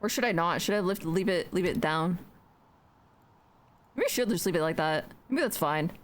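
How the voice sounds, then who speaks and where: A woman's voice: lowish voice, animated, moderate pace. Chatty young woman streamer, swearing freely. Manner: chatty, joking, swears freely, talks to herself. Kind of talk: casual live-stream chatter while building in a game.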